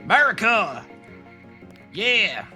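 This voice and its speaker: A man from Rhode Island streams a game and jokes around with his viewers, rambling through a casual let's-play while addressing both chat and the screen. His high voice is very animated, pushed and bright, yet he takes his time. Faint music sits behind him.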